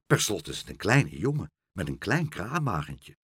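A man voicing an anxious, fussy and kind older gentleman in a storybook reading. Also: sits low, sing-song, moderate pace, slightly rough, no echo, exaggerated voice. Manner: worried, fretful.

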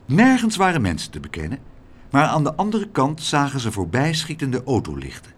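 Lively, expressive male storyteller. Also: medium pitch, moderate pace, breathy edge. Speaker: narrator. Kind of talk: children's audiobook reading.

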